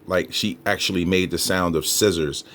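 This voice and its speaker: A man's voice: deep voice, steady tone, normal speed, a bit bright. A man giving casual, emphatic commentary as a paranormal host, speaking straight to his listeners and repeating points for them. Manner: addresses listeners as folks, emphatic repetition. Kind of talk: casual commentary on EVP recordings.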